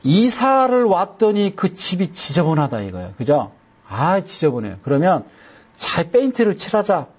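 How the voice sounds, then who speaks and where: Husky, lively man teaching chart settings. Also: high voice, moderate pace. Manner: chatty, repeats steps, folksy jokes. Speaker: stock chart instructor. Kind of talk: broadcast trading lesson.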